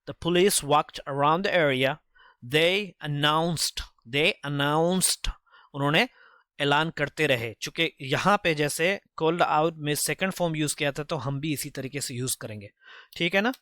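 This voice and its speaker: Tutor voice: a man explaining phrases, a bit high, close and dry, repeats and self-corrects. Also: a bit bright, clean tone, no echo. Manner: reads English phrases slowly, then explains them briskly; repetitive, correcting himself as he goes. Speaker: English teacher. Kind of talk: explaining English phrases from a story.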